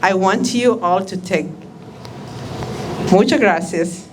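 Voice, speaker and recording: A woman's voice: mid-range voice, slow pace, very noisy. A woman leading a youth workshop, giving directive instructions for a breathing exercise.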